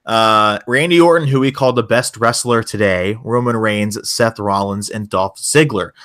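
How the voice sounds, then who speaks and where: A man co-hosting a laid-back podcast, steering the conversation from one item to the next. His voice is bright and forceful, and his asides are dry and sarcastic. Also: lowish voice, moderate pace. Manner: wry, news-segment leading, with sarcastic asides. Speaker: co-host. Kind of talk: casual podcast chat.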